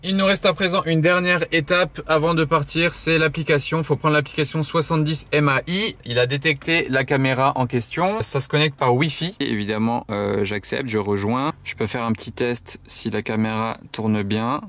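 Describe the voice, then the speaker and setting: A man's voice: medium pitch, normal speed, few pauses, a bit bright. Chatty upbeat man vlogging from a car. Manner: chatty and upbeat, addresses viewers directly. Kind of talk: casual vlog with product demo. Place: inside a car.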